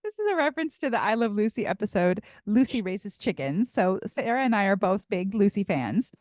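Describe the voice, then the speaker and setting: A woman co-hosting a podcast, recapping an episode in a chatty, animated way and laughing often. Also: mid-range voice, fairly quick, no room sound, studio quality. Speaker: podcast co-host. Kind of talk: casual recap chat.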